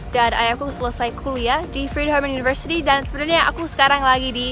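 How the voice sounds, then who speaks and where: A woman from Texas in the United States, an English speaker, chats casually to camera as a vlogger, using small fillers. She has a high voice and fairly even intonation and talks fast, with background music playing.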